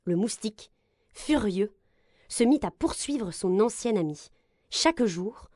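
Lively woman reading a children's story. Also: medium pitch, measured pace, dry recording, clean studio sound. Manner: expressive, gentle narration.

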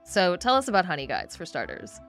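A woman's voice: on the low side, huge pitch swings, brisk, fairly bright tone, faint music behind. A woman hosting a science podcast, introducing a guest and asking friendly, curious questions. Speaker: podcast host. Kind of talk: hosted interview.

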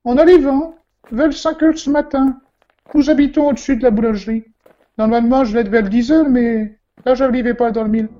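A man voicing a middle-aged village baker's wife in a comic radio sketch, shrill and rambling in her plain country way. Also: fairly even intonation, moderate pace, mellow, muffled recording. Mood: chatty.

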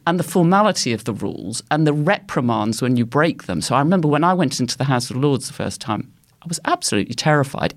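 A woman speaking as an expert guest in a panel discussion, explaining things in a measured way. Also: sits low.

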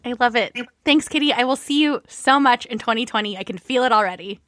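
A woman's voice: a little high, a little fast, a bit bright, dry recording. A woman hosting a podcast, effusive and grateful, often repeating her words for emphasis as she signs off and makes announcements. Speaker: podcast host. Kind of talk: heartfelt podcast sign-off and announcements.

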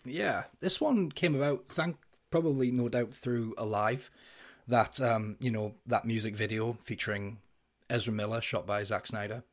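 A man in his thirties with a deep voice, co-hosting a casual music podcast. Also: moderate pace. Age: 30s. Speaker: podcast co-host.

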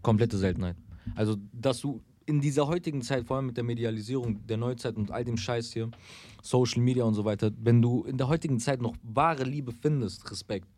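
A young man co-hosting a casual podcast chat, talking haltingly and repeating himself as he works out his point. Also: mid-range voice, darkish tone, dry recording. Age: young adult. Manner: halting, restarts, repeats words.

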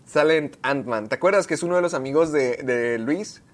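A co-host in casual podcast chat, animated and quick to exclaim in disbelief. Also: medium pitch.

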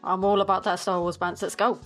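A woman's voice: medium pitch, level tone, a little fast, a bit bright, faint music behind. A woman chatting casually and playfully as a podcast guest. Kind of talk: casual chat.

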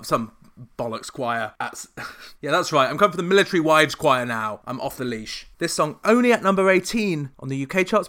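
A man hosts a chart countdown podcast with a bright, sharp tone. He keeps dropping jokey, sarcastic asides between the entries. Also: mid-range voice, clear, resonant tone. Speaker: podcast host.

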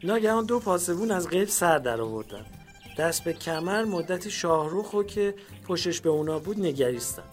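A man narrating a literary memoir in a measured, storytelling reading. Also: sits high, lively intonation. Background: faint background music.

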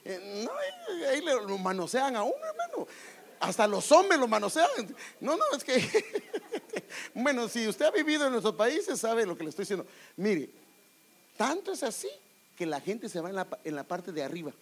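Speaking at a moderate pace in an extremely high-pitched voice, a middle-aged Guatemalan man preaches his personal testimony in Spanish. His manner is animated, and he addresses the audience as "brother."

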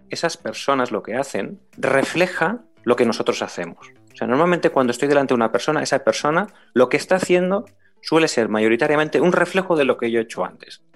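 A middle-aged man talks through communication principles in a measured teaching voice. He asks his co-host questions along the way. Faint music plays behind him. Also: medium pitch. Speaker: communication trainer. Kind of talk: explanatory talk.

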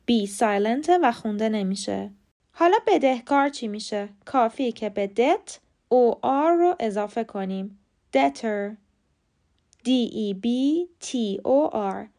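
Podcast host, woman, native Persian speaker, a touch high-pitched, clear scripted teaching delivery with slow letter-by-letter spelling. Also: darkish tone.

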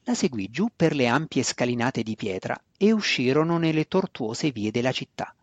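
A male narrator reading a fantasy audiobook in a measured, even way. His voice sits at an ordinary middle pitch, recorded close and dry with no room sound. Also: no room sound, dull audio.

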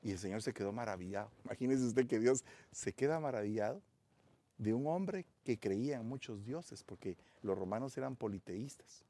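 A man's voice: mid-range voice, expressive, moderate pace, mellow. A man preaching a sermon as a pastor, calling his listeners brother and building up emphasis.

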